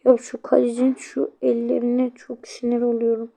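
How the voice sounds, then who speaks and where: A woman hosting a gaming channel, giving excited let's-play commentary, crying out and grumbling at the game and talking straight to viewers. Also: a little high, moderate pace, gravelly. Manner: talks to viewers directly.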